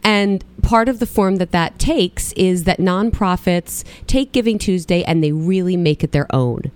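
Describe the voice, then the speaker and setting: A woman's voice: lowish voice, unhurried, darkish tone, clean tone, no room sound. A woman guest being interviewed in a studio, her voice scratchy from a recent illness, explaining at length with frequent fillers. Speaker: podcast guest.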